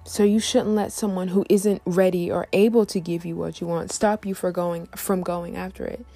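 A woman giving an intimate, encouraging motivational monologue as a host, in a soft, breathy, deliberate way that sometimes drops toward a whisper. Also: lowish voice, steady tone, soft background music. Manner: affirming, encouraging, slow and deliberate phrasing.

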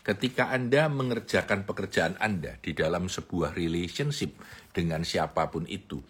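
A man giving a motivational talk, telling stories with lively acted-out voices. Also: slightly rough. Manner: animated storytelling, jumps high when acting out voices. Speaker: motivational speaker.

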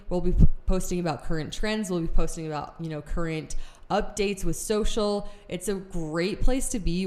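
A young woman hosts a casual podcast, gushing and upbeat with plenty of filler words. Her voice sits a little low. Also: darkish tone. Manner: bubbly, gushing, lots of ums and likes. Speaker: podcast host.

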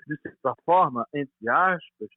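A man's voice: fairly high pitch, animated, a little slow, no room sound. A man with a Brazilian Portuguese accent, a pastor speaking over a phone line, explaining theology earnestly with frequent hesitant restarts. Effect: heard over a phone line. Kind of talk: theological discussion on a call. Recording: tinny dry phone line.

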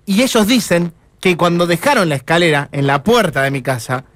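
Animated Argentine man making a prank call. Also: a little high, brisk. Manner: feigns fluster, apologetic, animated. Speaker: radio prank caller.

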